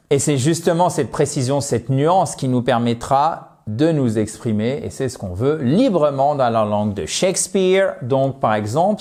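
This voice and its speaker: Male English tutor, deliberate slow delivery, joking asides, repeats words for learners. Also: mid-range voice, mellow. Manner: playful, jokey asides, repeats words slowly. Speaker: English teacher. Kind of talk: online language lesson.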